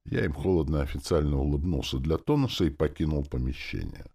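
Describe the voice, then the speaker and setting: A man's voice: extremely low pitch, lively intonation, quick pace, creaky, dark tone, breathy edge. A man narrating a fantasy audiobook in the first person, reading expressively.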